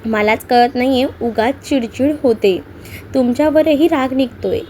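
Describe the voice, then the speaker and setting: A woman's voice: high-pitched, a little slow, a little mellow, a little hiss or hum. A woman voicing a moody, stubborn young wife in a read-aloud audio story, irritable and close to tears. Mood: tearful. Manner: sulky, irritable, tearful.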